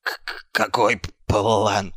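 A man's voice: fairly low pitch, expressive, normal speed, pushed and bright, no room sound, clean studio sound. A man voicing a city watchman who is freezing, stammering and shivering with cold.

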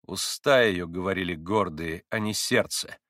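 A man's voice: on the low side, very animated, slow pace, bright, forceful tone, breathy edge, no echo, heavily acted. A venomous, proud young woman, read by a man who spits out her words in a biting tone. The sound is dry and close. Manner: biting, poisonous tone.

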